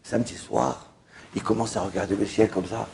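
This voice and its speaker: A middle-aged rabbi giving a sermon, telling a lively story and acting out the dialogue. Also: male voice, on the low side, normal speed, vocal fry, a little hiss or hum.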